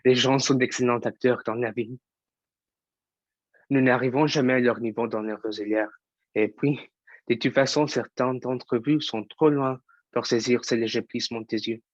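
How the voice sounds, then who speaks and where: A man's voice: mid-range voice, steady tone, normal speed, dry recording, natural voice. A young man plays a restless, angry young actor in a theatre monologue. His delivery is impassioned and builds in force. The sound is dry and muffled. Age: young adult. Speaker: student actor.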